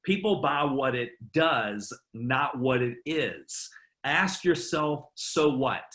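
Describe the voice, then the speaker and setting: A man's voice: mid-range voice, animated, takes it slowly, a bit bright, reverberant. A man leading a sales training session, enthusiastic and punchy, with playful jokes. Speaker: network marketing trainer. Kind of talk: energetic training talk.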